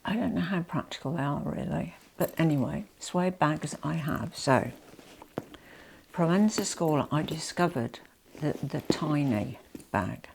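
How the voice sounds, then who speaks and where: Sitting low with vocal fry, her voice is expressive and a little slow, recorded with slight background noise and poor audio. The woman is a vlogger presenting her handbag collection while she has a head cold, so she sounds nasal. She rambles with plenty of "you know" asides and occasionally drops to soft near-whispers.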